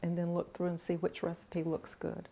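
A middle-aged woman with a lowish voice answers questions in a big home kitchen. She talks plainly and calmly, with a dry sense of humor. Her voice comes through a clip-on mic. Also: normal speed. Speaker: guest home cook. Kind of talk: casual interview.

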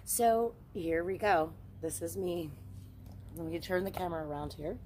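A woman in her forties speaks at normal speed, her voice on the low side, with a little hiss or hum in the audio. She's a witchcraft channel host filming herself outdoors in the woods on a handheld phone at arm's length, casual, candid and chatty.

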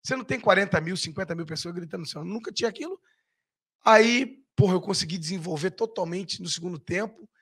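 Animated storyteller from Rio. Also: male voice, high voice, quick pace, slightly rough. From Brazil. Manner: animated, acts out quoted voices, swears freely. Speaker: guest, former footballer. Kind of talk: casual storytelling.

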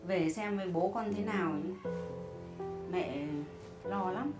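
A woman's voice: mid-range voice, slow, close to an everyday voice. Lady doing a humble flustered mom, apologizing, roomy echo, music playing. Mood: gentle advising. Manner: pleading, apologetic. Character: meek older mother, patient and flustered. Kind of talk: family drama acting.

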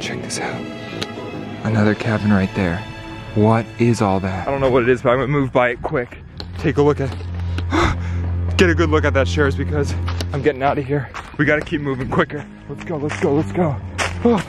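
A young adult man vlogs as he hurries through the woods, holding the camera at arm's length and narrating excitedly with gasps and exclamations. His mid-range voice runs a little fast and sounds urgent. Music plays in the background.

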